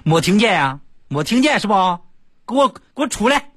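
A man doing a furious shouting school principal. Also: high voice, very animated, moderate pace, slight background noise, pitched above the performer's own voice. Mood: angry shouting. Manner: shouting, repeating demands. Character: furious male school principal, middle-aged, yelling.

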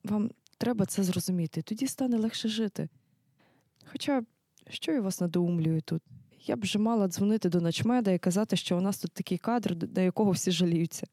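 A woman playing a stern military-hospital nurse in an audio drama, firm and scolding yet caring. Her voice is mellow and dark in tone, recorded dry and close. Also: medium pitch, fairly quick, no echo, lightly acted. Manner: firm, scolding, matter-of-fact. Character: strict night-shift nurse, commanding, caring.

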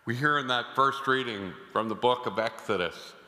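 Forceful priest in a cathedral-like echo. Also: male voice, medium pitch. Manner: deliberate, measured, solemn proclamation with pauses. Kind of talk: scripture reading and homily. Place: large church interior. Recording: echoey church with long cathedral-like reverb.

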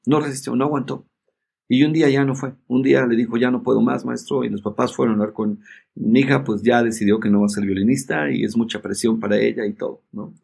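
Speaking mid-range with a creaky, husky quality, this male guest recounts something from his own life. He's emphatic and lively, often pausing to make sure his listener is following.

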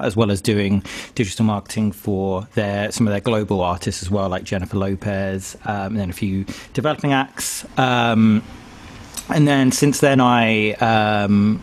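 Low-pitched man, halting and casual. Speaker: podcast co-host, digital marketer. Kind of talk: casual chat about career.

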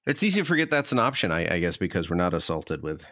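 A man's voice: deep voice, very animated, quick pace, a bit bright, no room sound, studio quality. A man hosting a podcast interview, thoughtful and a little hesitant, often repeating words as he asks questions. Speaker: podcast host. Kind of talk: casual interview.

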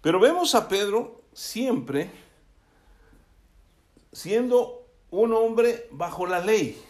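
His voice sits high and expressive as this man delivers a sermon with Bible reading. After reading scripture aloud, he explains it casually, checking in with the congregation via quick tag questions.

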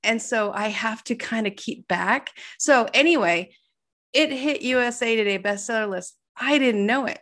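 Animated woman telling stories in an interview. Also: a little high, moderate pace. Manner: animated, self-deprecating storyteller who acts out quoted dialogue. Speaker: author guest. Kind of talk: casual interview storytelling.

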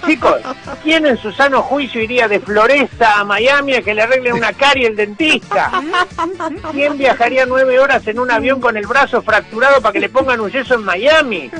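Speaking in an extremely high, sharp-toned voice, this male humorist with a Rioplatense accent hosts a satirical radio monologue. He fires off jokes quickly, mocking and sarcastic, while faint music plays behind him.

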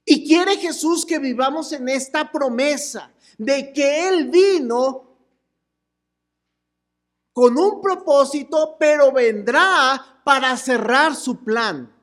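A woman preaching to a congregation that includes children, asking them questions and now and then shouting out phrases. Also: high voice, slow pace. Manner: animated, asks the crowd questions and calls out with them. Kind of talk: sermon to a mixed congregation with children.

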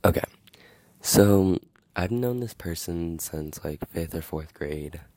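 Speaking slowly in a deep, dark-toned voice with lively intonation, a young podcast host tells a casual story in a rambling, indignant monologue thick with fillers. He's outdoors in the wind, yet there's no echo.

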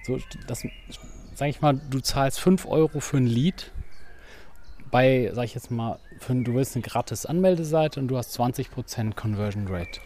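A man's voice: mid-range voice, normal speed, dark tone. Man podcasting while running, noisy recording. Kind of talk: casual podcast chat. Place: outdoors, on the move.

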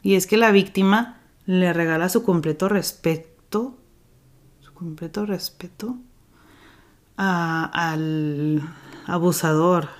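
A Mexican woman talks casually on her own podcast. She uses loose slang and drops into quick acted-out exchanges as she explains. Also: mid-range voice, darkish tone. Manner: slangy, chatty, acts out quoted dialogue. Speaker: podcast host. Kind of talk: casual solo podcast talk.

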